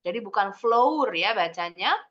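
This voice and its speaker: Lively young Indonesian woman teaching kids. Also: on the high side. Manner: lively, sing-song explaining with quick questions to children. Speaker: English teacher. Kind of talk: online kids' English lesson. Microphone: video call. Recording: dull lo-fi video call audio.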